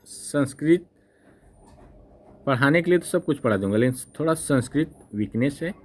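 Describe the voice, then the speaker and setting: A male teacher giving an exam-prep lesson, explaining slowly and repeating himself, often checking "right?" with the class and correcting his own slips with an apology. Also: mid-range voice, lively intonation. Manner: slow, repetitive explaining with frequent "ठीक ना?" checks.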